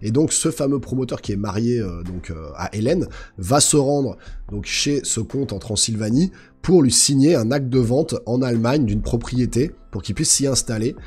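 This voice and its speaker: Male film reviewer, broken raspy voice from being unwell, casual and emphatic, music behind. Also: medium pitch, darkish tone. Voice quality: hoarse, guttural, raspy voice. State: slightly sick, broken voice. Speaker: film review channel host.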